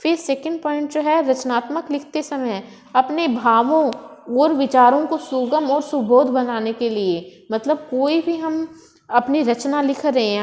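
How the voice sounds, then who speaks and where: A woman's voice: high-pitched, a little mellow. A woman teacher explaining a lesson step by step, asking questions and answering them herself. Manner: asks and answers her own questions. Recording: echoey room with long reverb.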